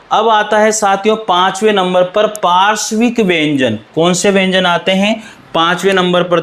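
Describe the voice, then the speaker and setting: A man's voice: high-pitched, fairly bright tone. A male teacher with a Rajasthani Hindi accent giving a grammar lecture, repeating each term and quizzing his listeners. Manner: addresses students as companions, reassuring. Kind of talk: classroom lecture.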